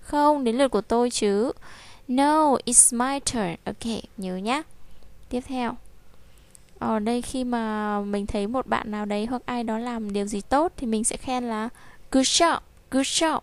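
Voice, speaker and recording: A woman from Vietnam with a Vietnamese accent, teaching English to young children and repeating model phrases slowly and clearly. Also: on the high side, fairly even intonation, a little mellow, dry recording.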